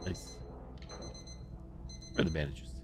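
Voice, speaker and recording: A man's voice: slow pace, darkish tone, a little hiss or hum. A man streaming a horror game, muttering comments and reading game prompts aloud. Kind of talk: live gameplay commentary.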